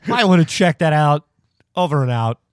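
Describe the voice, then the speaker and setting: A man's voice: a little high, animated, normal speed, crowd noise, natural voice. A man putting on the voice of someone making an announcement over an intercom, in a formal, raised announcer delivery during podcast banter. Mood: announcing.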